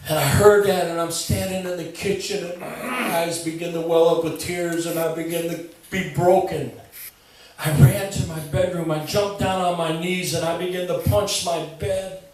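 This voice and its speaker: A man preaching a sermon with humor, shifting from quiet musing to raised, emphatic delivery. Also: on the high side, fairly even intonation, normal speed. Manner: humorous, swings from quiet to loud. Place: church. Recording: echoey church from far off. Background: congregation responding.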